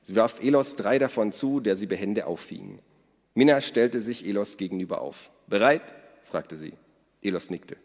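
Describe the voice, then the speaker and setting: A man reading a children's story aloud on the radio in a clear, even voice. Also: fairly low pitch, moderate pace. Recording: long hall reverb.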